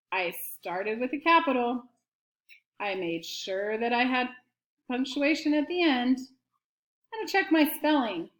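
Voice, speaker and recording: A woman teacher giving an early-grade writing lesson and slow dictation to students at home, prompting them patiently. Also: on the high side, reverberant.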